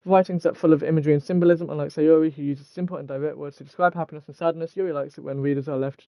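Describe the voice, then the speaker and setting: A young man with a slightly high voice hosts a casual let's-play. He reads game text aloud and trips over words now and then. The sound is close and dry, a little dull and lo-fi. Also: fairly even intonation, very fast, vocal fry, no room sound. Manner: stumbles over words when reading aloud. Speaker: gaming video host.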